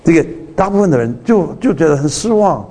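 A man with a slightly high, warm voice preaches briskly and with animation. His sermon is conversational, packed with restarts and rhetorical questions, and he slips English phrases into his speech.

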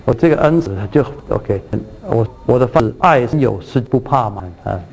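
A man preaches at a middle pitch, teaching from a Bible passage. He circles back over his words, restarts phrases and keeps asking his listeners whether they follow. When he reads scripture, his voice lifts to stress key lines. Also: expressive, moderate pace, a little mellow, slight background noise, poor audio. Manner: repetitive, restarts words, checks in with the audience; reads scripture aloud with lifted emphasis.

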